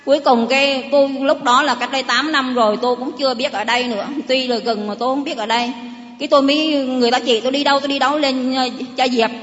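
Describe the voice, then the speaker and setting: A middle-aged woman with a Southern Vietnamese accent tells her faith story to a congregation in a high voice, circling back and restarting her sentences. The sound is dull and muffled, and her words ring out with the long reverb of a church hall. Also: steady tone, fast, a bit bright. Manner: rambling, repetitive storytelling with many restarts. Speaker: churchgoer giving testimony. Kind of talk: personal faith testimony to a congregation.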